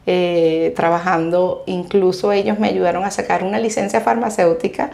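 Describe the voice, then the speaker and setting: A woman from Venezuela with a Venezuelan accent, a guest telling her story in a conversational interview, animated and laughing as she recounts anecdotes. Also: on the low side, normal speed, creaky.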